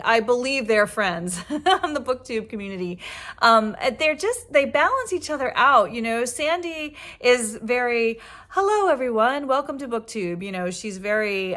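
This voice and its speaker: A woman's voice: mid-range voice, lively intonation, measured pace, a bit bright. A middle-aged woman who is a reading teacher, chatting casually about books to her viewers, tired after a workday, with many fillers and restarts. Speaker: book vlogger and reading teacher. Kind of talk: casual chat to camera.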